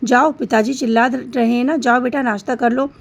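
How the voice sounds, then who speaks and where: Woman playing a storybook grandmother, gentle, affectionate, high-pitched, gravelly. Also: steady tone, moderate pace. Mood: tender. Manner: soft, affectionate, coaxing. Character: gentle loving old grandmother.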